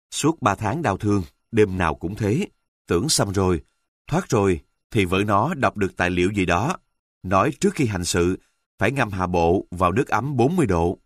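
Low-voiced guy telling a funny earthy story, deadpan, dry close mic. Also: no echo. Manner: wry, earthy, deadpan comic. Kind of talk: humorous first-person storytelling.

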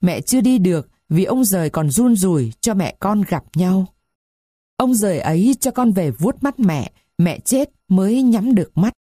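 A woman voicing a dying blind old woman who speaks in a faint, trembling, rasping way. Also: medium pitch, animated, moderate pace, dark tone, no room sound, studio quality, lightly acted. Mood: tearful pleading.

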